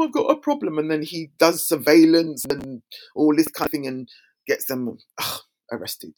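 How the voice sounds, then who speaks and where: A middle-aged woman, giving a talk on community and youth safety and acting out her own reactions as she tells stories. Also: deep voice. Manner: animated storyteller who acts out her own reactions. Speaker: community speaker.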